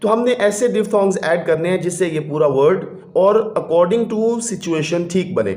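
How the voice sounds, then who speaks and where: Slow, patient male teacher. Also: high-pitched, animated, a little mellow, echoey room. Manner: explains patiently, repeating terms and slowly reading English examples aloud. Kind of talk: classroom lecture.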